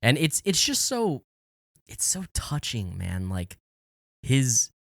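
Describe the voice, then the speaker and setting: A man's voice: medium pitch, huge pitch swings, takes it slowly, vocal fry, fairly bright tone, no echo, clean studio sound. A man co-hosting a podcast, talking in a casual, earnest way and often restarting his sentences. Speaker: podcast co-host.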